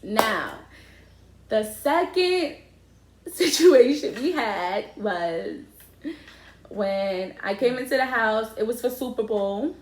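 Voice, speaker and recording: A woman's voice: a little high, animated, slow, slight background noise. A young woman, casually and animatedly telling a story to her viewers, laughing and using slang. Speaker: vlogger, co-host with partner. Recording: echoey room.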